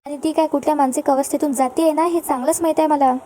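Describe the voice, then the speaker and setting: A woman's voice: high voice, steady tone, quick pace, mellow, slight background noise, natural voice. A woman voicing a protective young male doctor who defends his wife and accuses others. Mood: defensive.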